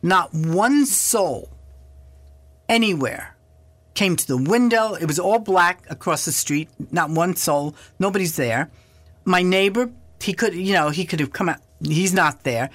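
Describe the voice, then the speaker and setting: A woman's voice: on the low side, expressive, moderate pace, no room sound. An older woman, a guest in an interview, telling a story with animation and acting out past dialogue.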